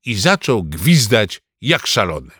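A man reading a children's story aloud in a lively first-person boy narrator's manner. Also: on the low side, unhurried, breathy edge, no room sound, studio quality. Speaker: audiobook narrator.

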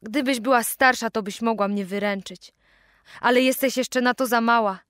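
A woman playing a hurried, flustered mother. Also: a little high, steady tone, fairly bright tone, no room sound, clean studio sound, lightly acted. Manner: hurried, fretful.

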